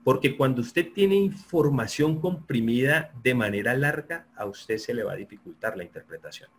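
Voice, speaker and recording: A man giving an online lecture, explaining in a steady, repetitive way and often checking that listeners agree. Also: mid-range voice, moderate pace, a little hiss or hum. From Colombia. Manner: explanatory, repeats himself, asks listeners for agreement. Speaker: sports psychology lecturer.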